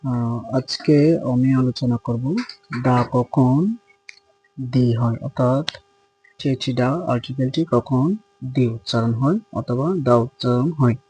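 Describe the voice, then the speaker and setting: A man's voice: medium pitch, level tone, measured pace, dark tone, soft background music, low-quality recording. A man giving a spoken English lesson, spelling words out and repeating each example phrase. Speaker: English teacher.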